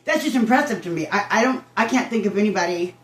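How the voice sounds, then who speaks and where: A woman's voice: medium pitch, lively intonation, quick pace. An older woman giving a casual reaction commentary, rambling and interrupting herself like a chatty old woman. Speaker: reaction video host. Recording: roomy echo, guitar music behind.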